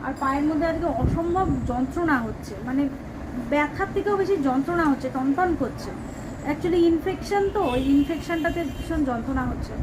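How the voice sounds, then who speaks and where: A woman's voice: high-pitched, fairly quick, noisy background. A woman from West Bengal chatting to viewers in a casual home vlog while she cooks and tidies, unwell with a sore leg. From West Bengal, India. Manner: chatty, talks to viewers while doing housework. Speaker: vlogger. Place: home, kitchen and bedroom.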